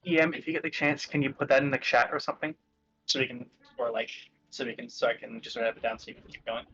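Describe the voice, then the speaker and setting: A man's voice: medium pitch, fast talker, bright, forceful tone, lo-fi sound, slight background noise. Easygoing man at a game table. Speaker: player. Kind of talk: casual tabletop play.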